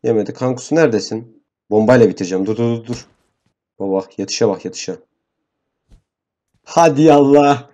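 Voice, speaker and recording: A young man giving casual, excitable commentary over his mobile game as a gaming channel host, repeating words in bursts and grumbling to his viewers. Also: fairly low pitch, quick pace. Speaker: gaming YouTuber. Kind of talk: live gameplay commentary.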